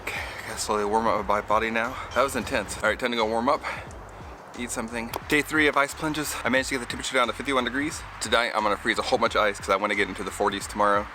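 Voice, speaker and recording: A man's voice: medium pitch, fairly even intonation, rapid-fire, background noise. A man talking casually to camera outdoors as a vlogger. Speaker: vlogger doing a cold plunge challenge. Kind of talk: casual vlog talk to camera.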